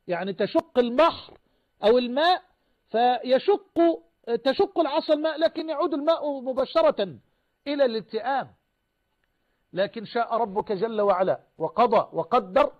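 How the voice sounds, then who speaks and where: A man preaching an impassioned, rhetorical sermon, slowing down to recite verse. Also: extremely high pitch. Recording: narrow tinny phone-like sound.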